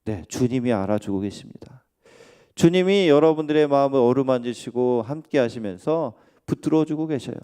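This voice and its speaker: A man preaching a sermon in a church, with a warm, mellow voice at an ordinary middle pitch. He speaks conversationally and keeps asking his listeners questions. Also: clear, resonant tone. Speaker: pastor. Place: church sanctuary.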